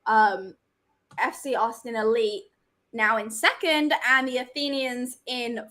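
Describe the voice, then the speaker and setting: A woman's voice: fairly high pitch, fairly even intonation, unhurried, a bit bright. A woman co-hosting a women's soccer preview in casual chat, laughing easily and inviting viewer comments. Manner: chatty, laughs easily, asks for audience comments. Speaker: soccer show co-host.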